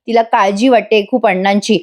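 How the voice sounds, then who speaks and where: A woman's voice: mid-range voice, steady tone, a little fast, darkish tone. A woman narrating a voice-over recap of a TV serial, chatty and addressing viewers directly. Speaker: TV serial reviewer.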